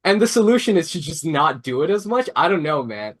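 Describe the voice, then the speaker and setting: On a video call, a young robotics-team mentor gives a casual, rambling explanation, fairly quick and on the high side with big pitch swings. He keeps saying "like" and "uh," restarts, and corrects himself.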